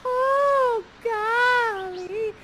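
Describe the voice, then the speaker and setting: A woman voicing Miranda, a timid, excitable young island girl who gasps in wonder. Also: very high voice, drawn-out words, a little hiss or hum, voice pushed up, exaggerated voice. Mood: awestruck. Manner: gasping, breathless wonder.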